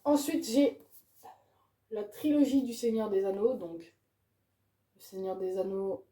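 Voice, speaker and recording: Unhurried and warm, a woman's mid-range voice describes the books on her to-read pile with casual excitement. As a chatty book vlogger, she habitually ends phrases with "quoi."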